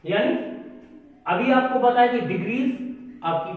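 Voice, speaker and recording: A male English teacher, explaining grammar slowly and repeating himself, spelling words out letter by letter. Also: very high-pitched. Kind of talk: classroom grammar lesson. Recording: echoey room from far off, dull sound.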